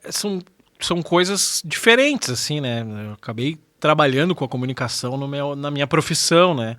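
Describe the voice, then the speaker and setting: A southern Brazilian man in his forties chats as a podcast guest. His voice is bright and forward, pitched a little high, with slightly tongue-tied diction. He repeats phrases for emphasis. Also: expressive, a little fast, dry recording. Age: 40s. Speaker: podcast guest, radio presenter. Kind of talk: casual conversational interview.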